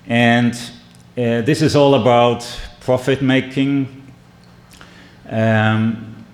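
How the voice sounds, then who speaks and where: Middle-aged dutch guy with a brazilian edge to his english, keynote talk in an echoey hall, pauses and restarts a lot. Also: mid-range voice. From Netherlands. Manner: measured, with frequent restarts and pauses. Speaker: keynote speaker. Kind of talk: keynote speech with storytelling. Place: indoor conference hall.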